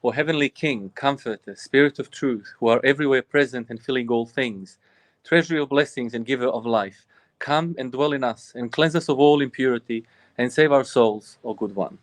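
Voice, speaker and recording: A man's voice: mid-range voice, normal speed, no room sound. A man of about forty, from Bosnia, an Orthodox priest telling his story earnestly as a guest, often restarting his sentences. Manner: earnest and reflective, frequent restarts. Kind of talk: personal storytelling in interview.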